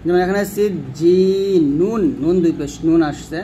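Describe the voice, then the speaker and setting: A man teaching the rules of Quran recitation, explaining each rule step by step and then reciting the example words slowly and drawn out. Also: a little high, mellow, slight background noise.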